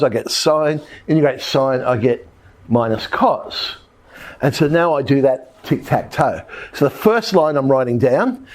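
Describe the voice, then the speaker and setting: Man explaining maths step by step. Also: mid-range voice. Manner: steady step-by-step explaining, thinking aloud. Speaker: maths teacher. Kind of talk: recorded maths lesson at a board.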